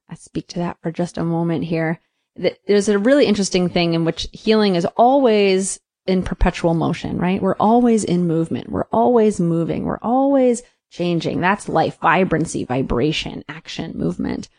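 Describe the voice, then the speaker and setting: A woman's voice: on the low side, darkish tone. A woman hosting a podcast, speaking in an intimate, reflective, spiritual monologue that comes phrase by phrase. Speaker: podcast host.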